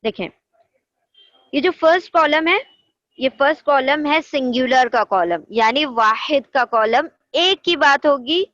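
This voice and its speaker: Patient woman grammar teacher, unhurried, leads call-and-repeat drills; muffled, dead-dry recording. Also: high voice, animated, fairly bright tone, dry recording. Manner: patient explaining, mixing in English terms, leads chanted repetition.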